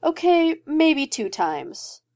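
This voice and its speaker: A woman reads fan fiction aloud in a high, darkish voice that swings widely in pitch, pushed above her natural register in an exaggerated performance. She's voicing a wisecracking male mercenary, rambling from joke to joke at a fast, manic clip and breaking into laughter along the way.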